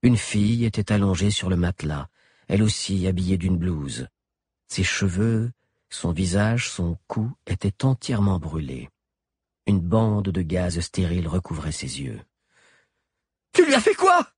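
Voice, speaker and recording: A man narrating an audiobook with an expressive, dramatic delivery. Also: sits low, unhurried, husky, no room sound, clean studio sound.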